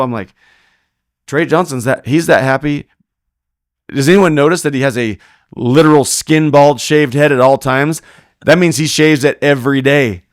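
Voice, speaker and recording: A man's voice: mid-range voice, no room sound, studio quality. A man guesting on a podcast, telling stories casually and animatedly, acting out what others said. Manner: animated retelling, acting out quoted talk; frequent laughter, restarts. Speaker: podcast guest, rodeo heeler. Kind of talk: casual storytelling in a podcast interview.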